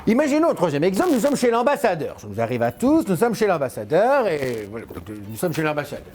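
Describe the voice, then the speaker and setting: A woman performing a theatrical comic sketch on stage, with animated, playful banter. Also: fairly low pitch, quick pace, slight background noise. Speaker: comedian in a stage duo. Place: stage at a book fair.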